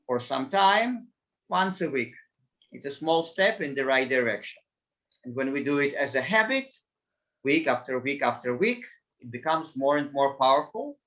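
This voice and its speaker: A man facilitating an online group call, introducing the session slowly with many fillers. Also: mid-range voice, a bit bright, muffled recording. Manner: slow, halting, with many fillers. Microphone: video call.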